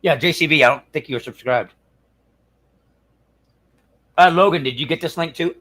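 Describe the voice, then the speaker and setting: Male streamer, casual crude banter with chat, slightly high pitch. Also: moderate pace, pushed and bright. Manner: mumbles while fiddling with screen. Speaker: livestream host.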